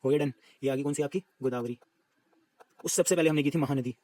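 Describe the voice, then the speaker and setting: A man teaching an exam-prep geography lesson, reciting lists briskly and repeating them to drill them in. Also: mid-range voice, a little mellow, dry recording, rough recording.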